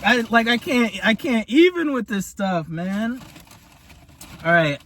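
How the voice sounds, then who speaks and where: Young male food vlogger, high-pitched, excitable and slangy, chatting between bites. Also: takes it slowly. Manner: talks while eating. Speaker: food reviewer. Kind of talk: casual taste-test vlog.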